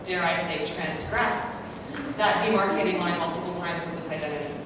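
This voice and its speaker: An American woman speaks on a conference panel, earnest and self-deprecating, filling her talk with ums. Her voice is lowish and her pace moderate. She's recorded from far off in an echoey, noisy hall.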